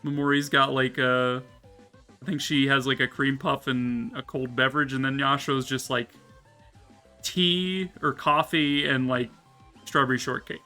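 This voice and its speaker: A man's voice: medium pitch, flat delivery, unhurried, bright, forceful tone, soft background music. A man giving casual, jokey playthrough commentary as a gaming streamer.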